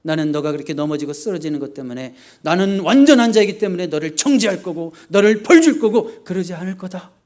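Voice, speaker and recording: A pastor voicing Jesus, speaking softly and reassuringly to a struggling believer. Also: male voice, high voice, lively intonation, quick pace, few pauses.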